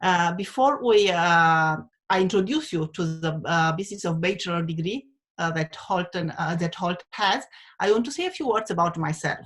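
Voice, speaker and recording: A woman's voice: on the low side, moderate pace, fairly bright tone. A woman from Romania, presenting as a university dean on a video call, with hesitant speech full of fillers. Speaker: undergraduate dean. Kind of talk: webinar presentation.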